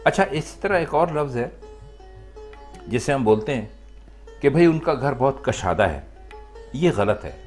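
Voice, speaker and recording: Guy teaching proper word use, slow and careful, voice rises and falls a lot, soft guitar behind. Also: mid-range voice, sing-song. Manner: measured and deliberate, with short pauses and "uh" fillers. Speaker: language teacher. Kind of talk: explanatory word-usage lesson.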